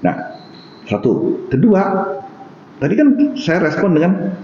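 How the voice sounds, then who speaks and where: Podcast guest: a man with a North Sumatran Indonesian accent, mellow and steady, explains patiently and acts out quarrels; roomy, dull recording. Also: a little high, slow, a little hiss or hum. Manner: explains calmly with everyday examples, acts out angry exchanges. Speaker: podcast guest speaking on Buddhist practice. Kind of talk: casual podcast conversation.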